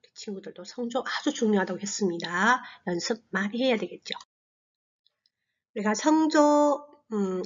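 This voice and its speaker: A woman teaching a slow, patient language lesson to children, modeling sounds in long drawn-out tones and dropping to a soft whisper on asides. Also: mid-range voice, muffled recording. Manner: drops to a breathy near-whisper on asides.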